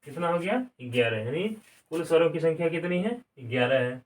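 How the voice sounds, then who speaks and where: A man's voice: fairly high pitch, fairly quick. A male grammar teacher giving a classroom lesson, asking questions and answering them himself, repeating key words. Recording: distant mic, some room sound.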